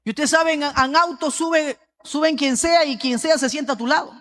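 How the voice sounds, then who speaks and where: A woman pastor with a Peruvian accent, giving a sermon with personal testimony in a lively storytelling way and often addressing the congregation as brother. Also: high-pitched, normal speed. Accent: Peruvian Spanish. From Peru. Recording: long hall reverb.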